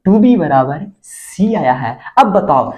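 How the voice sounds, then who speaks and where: High-voiced teacher quizzing students. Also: male voice, big pitch swings, takes it slowly, dull audio. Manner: coaxing, asks students questions and answers himself. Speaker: school teacher. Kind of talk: chemistry lesson for board exam students.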